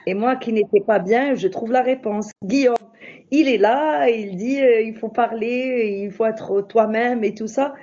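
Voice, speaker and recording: A woman's voice: fairly high pitch, measured pace, mellow, muffled recording. A non-native French-speaking woman with a foreign accent, talking casually and from the heart, searching for her words. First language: not French. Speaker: member of an online group. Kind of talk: casual heartfelt group talk.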